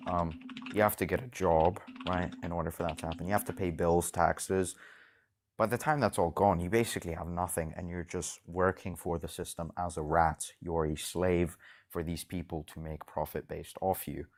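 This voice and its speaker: Blunt, low-voiced man arguing his point. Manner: argumentative, keeps checking agreement; blunt and swears casually. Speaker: debate stream host. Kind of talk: casual debate.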